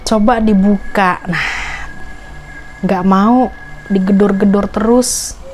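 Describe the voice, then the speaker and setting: A woman's voice: medium pitch, steady tone, slow pace, a little mellow, soft background music. A woman narrating a chat-log horror story casually, with chatty, teasing asides to her viewers. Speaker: storytelling YouTuber.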